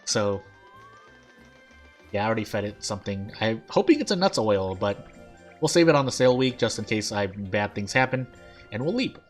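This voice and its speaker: A man's voice: lowish voice, big pitch swings, moderate pace, long pauses. A man rambling and thinking aloud in casual game commentary, with an overbite that makes his teeth catch his lip on some sounds. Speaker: gaming streamer. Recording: game music behind the voice. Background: game music.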